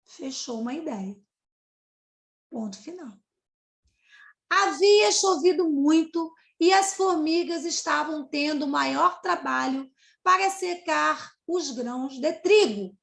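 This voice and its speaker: High-voiced Brazilian woman teaching. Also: expressive, slow pace, creaky, fairly bright tone, roomy sound. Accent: Brazilian Portuguese. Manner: explanatory, checking in with students. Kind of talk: recorded video lesson.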